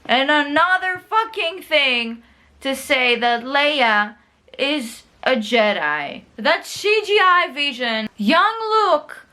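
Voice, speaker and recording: A young adult woman ranting in casual, sweary video commentary, sounding drunk, indignant and emphatic, with drawn-out words. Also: high-pitched, lively intonation, pushed and bright. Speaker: film fan giving a rant.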